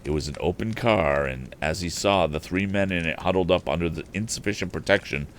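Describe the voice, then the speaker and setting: A low-voiced man on a live stream reads an old adventure novel aloud as a storyteller, brisk and expressive, stumbling now and then. A faint hiss or hum sits under the audio.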